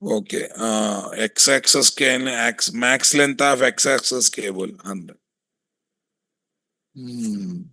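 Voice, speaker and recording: A software testing instructor with a Telugu Indian accent leads a hands-on tutorial, thinking aloud, repeating himself and often questioning his students. His voice is mid-range and slow, with no echo.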